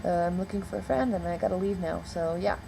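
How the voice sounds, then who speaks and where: A woman's voice: fairly low pitch, fast talker, gravelly, warm tone, a little hiss or hum, low-quality recording. Rambling young woman vlogging. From United States. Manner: rambling, heavy on "like" and "um" fillers. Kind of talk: casual storytelling vlog.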